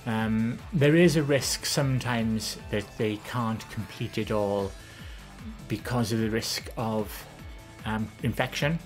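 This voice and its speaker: Slowly and casually, a Welsh woman from the Valleys chats on stream while answering her viewers' questions, faint music behind her. Her voice is soft, gentle and low with a less feminine tone, and her talk rambles, with many ums and restarts.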